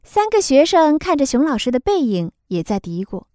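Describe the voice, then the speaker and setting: A woman narrating a children's animal story in a lively, expressive way. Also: high voice, moderate pace, dry recording, clean studio sound.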